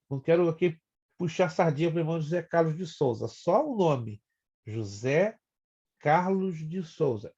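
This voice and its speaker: A man's voice: fairly high pitch, vocal fry, a little mellow, husky, highs cut off. A man with a Brazilian Portuguese accent, a pastor teaching an online Bible class in a chatty, teasing way and explaining step by step over a video call.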